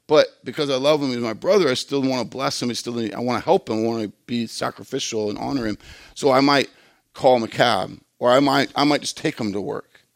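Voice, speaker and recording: A man's voice: medium pitch, a little fast, vocal fry, no room sound. A man preaching a sermon in an earnest, conversational way, often repeating words as he goes. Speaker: pastor.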